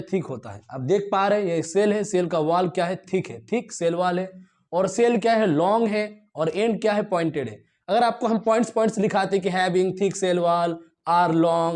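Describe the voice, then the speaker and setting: A man teaching a biology lesson to students, asking questions and answering them himself, clearing his throat now and then. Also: high voice, darkish tone. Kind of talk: classroom lecture to students.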